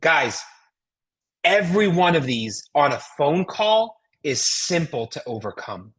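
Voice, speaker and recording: Here an American woman who trains people in network marketing speaks slowly, her low voice slightly rough and sing-song in its rise and fall. The talk is motivational sales coaching, emphatic and folksy, built around rhetorical questions.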